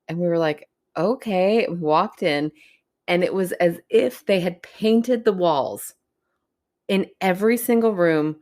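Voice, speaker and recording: A woman co-hosting a podcast, telling a story in an animated way and laughing often during casual chat. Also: on the low side, measured pace. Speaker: podcast co-host.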